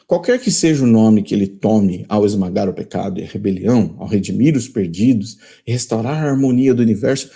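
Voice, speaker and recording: Very dark-voiced emphatic Brazilian man. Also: fairly low pitch, lively intonation, brisk, vocal fry, few pauses, breathy edge. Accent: Brazilian Portuguese. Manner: emphatic and repetitive, restating lines; scornful. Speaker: channel host. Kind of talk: critical commentary reading quotations aloud.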